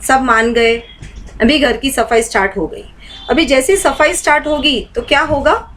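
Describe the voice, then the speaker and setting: A woman's voice: sits high, moderate pace, fairly bright tone, low-quality recording. A woman teaching a live online meditation class. She keeps asking the class questions to walk them through her points. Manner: asks the class many rhetorical questions.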